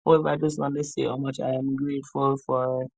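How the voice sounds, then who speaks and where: Teasing woman host on a live stream, kinda gravelly, laughs a lot. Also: very deep voice, little pitch movement, fast, darkish tone, no room sound, rough recording. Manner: chatty, teasing, laughs often. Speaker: livestream host. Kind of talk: casual live-stream chat.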